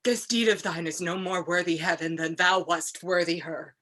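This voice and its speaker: A woman's voice: lowish voice, steady tone, normal speed, fairly bright tone, lightly acted. A woman playing a loyal, outspoken maidservant, impassioned and declamatory, in a Shakespearean tragedy reading. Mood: defiant fury. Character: loyal, outspoken, fiery maidservant to a murdered lady. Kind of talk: Shakespearean tragedy cold read.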